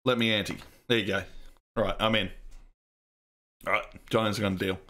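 Male host, casual let's-play chat, sweary and rambling, lowish voice. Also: steady tone, normal speed, fairly bright tone. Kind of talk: casual game commentary.

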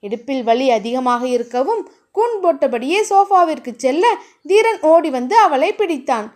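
A woman narrating a romance audiobook in an expressive, animated way. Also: sits high, moderate pace.

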